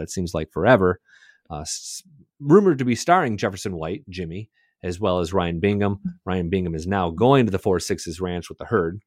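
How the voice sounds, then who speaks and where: A man co-hosting a casual TV recap podcast, talking in an animated, speculative way. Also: fairly low pitch, no echo, studio quality. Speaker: podcast co-host.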